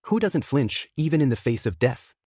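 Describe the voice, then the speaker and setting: A man's voice: mid-range voice, big pitch swings, normal speed, dark tone, husky, no echo, studio quality. A man voicing a caring, teasing, mock-dramatic rich teenage boy in a story's text-message dialogue.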